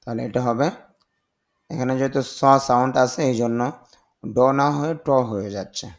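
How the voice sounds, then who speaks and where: Slow guy teaching english words one by one, says the word then the meaning, leans on the stress. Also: medium pitch, steady tone. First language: Bengali. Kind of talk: slow word-by-word vocabulary lesson.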